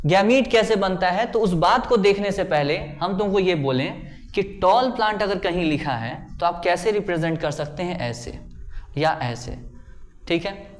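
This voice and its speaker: A man teaching a biology class in a playful way, often checking whether his students follow and voicing their questions himself before answering them. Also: a little high. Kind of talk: classroom lecture.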